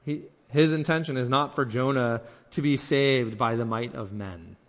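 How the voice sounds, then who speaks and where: A man's voice: medium pitch, normal speed. Man, preacher, sermon, earnest, restarts words, reverberant hall. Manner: earnest, acts out quoted speech, many restarts.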